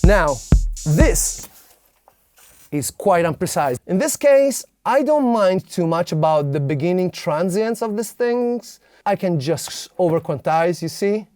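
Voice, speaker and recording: A man's voice: high voice, animated, takes it slowly, darkish tone. A man explaining step by step as a music producer in a studio tutorial, sometimes mouthing drum rhythms aloud. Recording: drum machine and synths playing under voice.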